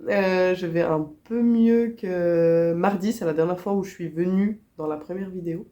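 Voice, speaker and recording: A Swiss woman with a Swiss French accent talks through her crochet project in relaxed chat, with frequent fillers and small laughs. Her cold leaves her nasal and stuffy. Her voice sits low and warm, with a soft, dark tone. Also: moderate pace. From Switzerland. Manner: chatty, laughs often, many fillers. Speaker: crochet vlogger. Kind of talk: casual chat.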